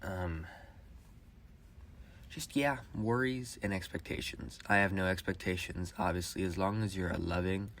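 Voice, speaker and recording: A young man in his late teens speaks a rambling personal monologue into a phone voice memo. His talk is halting, with restarts and fillers. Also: sits low, a bit bright, a little hiss or hum. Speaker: vlogger.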